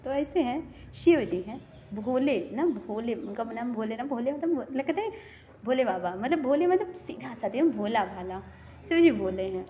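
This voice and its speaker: A woman with a high, bright voice teaches a Sanskrit lesson, spinning the story with lively, acted-out speech. The sound is narrow and phone-like, with a faint hiss under it. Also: moderate pace. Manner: animated storytelling, acts out quoted speech. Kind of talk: storytelling lesson explaining verses.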